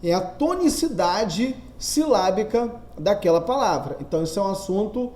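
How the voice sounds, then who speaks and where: A man teaching grammar in a recorded lesson for exam candidates, explaining slowly and asking rhetorical questions on the students' behalf. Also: high-pitched, animated, a little mellow.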